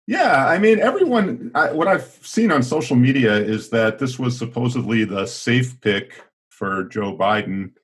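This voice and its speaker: A man's voice: mid-range voice, big pitch swings, unhurried, few pauses, breathy edge. A middle-aged man co-hosting a podcast, a former teacher chatting about politics, thinking aloud with hedges, fillers and restarts. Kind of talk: casual political chat.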